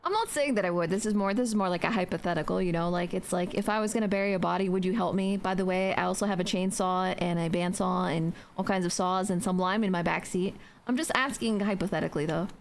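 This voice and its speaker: A woman's voice: on the low side, quick pace, vocal fry, hardly any pauses, a little hiss or hum. A young adult woman streamer chatting casually while building in a game, joking, swearing freely and talking to herself.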